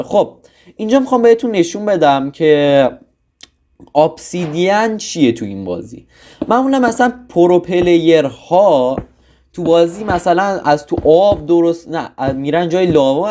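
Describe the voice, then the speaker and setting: A man's voice: on the high side, darkish tone, a little hiss or hum. A young man casually explaining a video game in a rambling tutorial, with restarts and joking asides. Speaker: gaming tutorial host.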